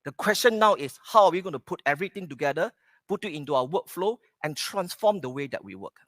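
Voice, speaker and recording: A middle-aged man from Singapore with a Singaporean English accent, giving a keynote at a conference, pausing with "okay" between points. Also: a little high, animated, a bit bright, no room sound. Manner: plain, repeats "okay" to pace points. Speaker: conference speaker. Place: conference hall stage.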